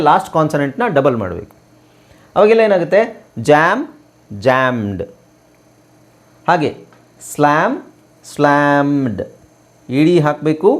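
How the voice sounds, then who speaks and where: A man from Karnataka teaching English spelling rules in a spoken lesson, spelling words out letter by letter and asking rhetorical questions. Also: a little high. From Karnataka, India.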